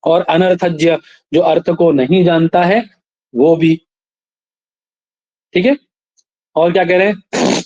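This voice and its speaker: Male lecturer, higher mellow voice, dry and muffled; recites slowly, explains, quizzes the room. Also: fairly even intonation, dry recording. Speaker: Sanskrit teacher. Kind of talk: classroom lecture.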